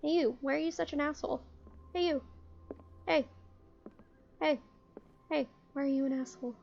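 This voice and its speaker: A woman's voice: high voice, steady tone, moderate pace, gravelly, darkish tone, muffled recording, slight background noise. A woman streamer giving casual gameplay commentary, chatty and joking, reading game text aloud.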